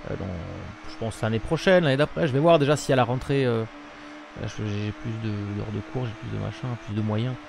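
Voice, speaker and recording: Streaming from his room at home via webcam, a young man chats casually and rambles with plenty of fillers. He speaks a little fast in a lowish voice with vocal fry. Game sound makes the stream noisy.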